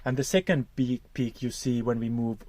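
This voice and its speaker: This vocal technique teacher is a man with a Finnish accent and a mellow, steady, medium-pitched voice at a moderate pace. Explaining acoustics, he's careful and hesitant, often searching for words.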